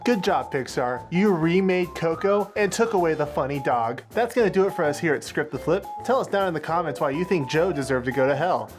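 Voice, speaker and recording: A man's voice: a little high, lively intonation, brisk, few pauses, music in the background. Dry, sarcastic young man hosting a review. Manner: dry, sarcastic, mock-serious. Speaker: comedy film critic, co-host. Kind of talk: deadpan comedic review.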